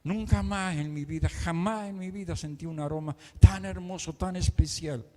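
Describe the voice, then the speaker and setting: A man's voice: sits high, fairly even intonation, moderate pace, warm tone, long reverb tail. A man with an Argentine accent preaching an emotional sermon as pastor, speaking his prayers aloud. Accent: Argentine Spanish. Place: church.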